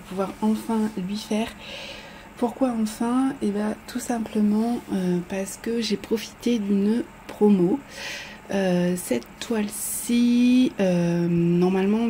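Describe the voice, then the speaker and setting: A woman talks casually as she unboxes a craft kit, chatty and rambling, with many small pauses and fillers. Her voice is mellow and of middling pitch. A faint hiss sits under the recording. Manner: chatty, rambling, frequent hesitations. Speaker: vlogger.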